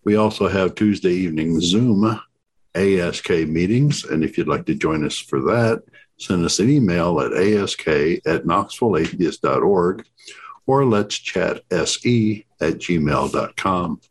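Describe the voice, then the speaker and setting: A man's voice: low voice, animated, a little slow. A man co-hosting a podcast, reading announcements in an easygoing way. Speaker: podcast co-host. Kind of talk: casual podcast chat.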